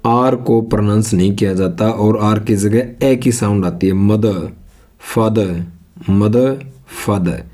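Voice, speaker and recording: A man's voice: fairly low pitch, warm tone. A man with a Hindi accent teaching a basic English lesson, spelling out words and asking his listeners simple questions. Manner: spells words letter by letter and asks rhetorical questions, reading English slowly. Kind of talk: classroom lesson explaining English words and sentences.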